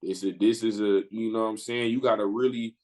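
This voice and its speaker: A man's voice: fairly low pitch, fairly quick, rough recording. A man in his twenties from the Midwest US, a podcast guest telling his story in loose, slangy talk and acting out what people said. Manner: animated, slangy storyteller who acts out quoted people. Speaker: podcast guest, pro basketball player. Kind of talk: casual storytelling interview.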